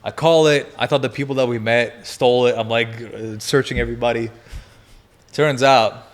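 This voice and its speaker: A man in his twenties, a podcast guest, telling a wild story in casual chat, energetic and profane, laughing as he goes. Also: mid-range voice, moderate pace.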